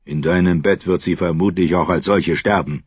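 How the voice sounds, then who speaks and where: Male reader doing a cold, stern lord from an audiobook; low and clipped, husky. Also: steady tone, moderate pace, no room sound, lo-fi sound. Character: stern, grim older nobleman, cold and rigid.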